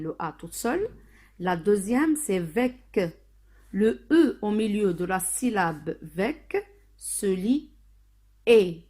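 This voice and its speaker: A woman teaching a phonics lesson to children, speaking slowly and spelling out sounds syllable by syllable. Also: medium pitch, darkish tone. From Morocco. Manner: slow, deliberate, syllable by syllable.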